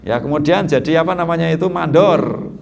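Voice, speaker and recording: Lively man preaching to parents. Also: a little high, brisk, creaky. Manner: lively, jokey, acts out children's voices. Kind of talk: Islamic study lecture.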